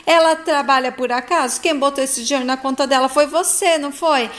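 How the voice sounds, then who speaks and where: A woman's voice: sits high, fairly quick, fairly bright tone. A woman doing a scornful greedy mother. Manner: nagging, scornful and demanding.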